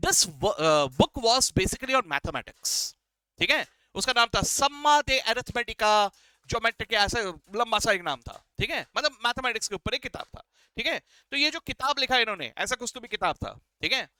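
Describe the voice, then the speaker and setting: A male accounting teacher with a high, very bright voice, teasing his viewers with quiz questions and answering for them. He slips English phrases into his lecture. The sound is clean and dry, close to the mic. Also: sing-song, normal speed, dry recording. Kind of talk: classroom-style lecture.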